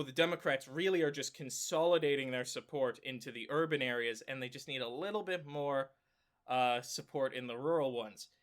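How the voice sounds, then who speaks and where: On his political YouTube channel, this congested-sounding man shares his screen and casually picks apart election maps. His pitch sits in the middle, and he rambles aloud with frequent fillers, keeps correcting himself, and now and then erupts in excitement.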